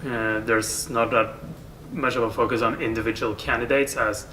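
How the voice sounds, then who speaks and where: Bright-voiced young man. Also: mid-range voice, steady tone, normal speed. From Norway. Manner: hesitant, with "uh" and restarts. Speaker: student teacher. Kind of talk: interview answers. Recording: mic at a distance, faint background hiss.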